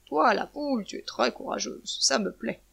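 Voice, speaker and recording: A woman voicing a feared male eagle who turns gentle and reassuring, in a storybook tale. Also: on the high side, normal speed, gravelly, slightly rough, full character voice. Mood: musing. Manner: calm and reassuring. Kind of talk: storybook narration.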